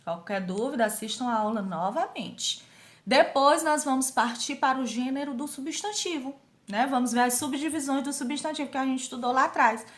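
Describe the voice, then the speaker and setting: A woman teacher with a Brazilian Portuguese accent, reviewing grammar for sixth graders and stretching out key words as she quizzes them. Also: high-pitched. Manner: slow, drawn-out emphasis on key words, quizzing students.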